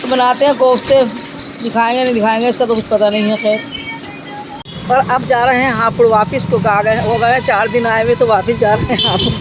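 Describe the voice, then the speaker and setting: A woman's voice: on the high side, fairly even intonation, brisk, noisy background. A middle-aged woman, chatting casually to her vlog viewers and often thanking God. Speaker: vlogger. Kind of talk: casual vlog chat to camera.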